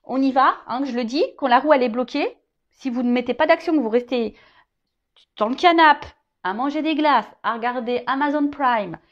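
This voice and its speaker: A woman's voice: high voice, fairly quick, dull audio. A woman giving a tarot reading, talking straight to the viewer, hesitant, with many repeated words and fillers, now and then joking. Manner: chatty, addresses viewer directly, jokes. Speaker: tarot reader.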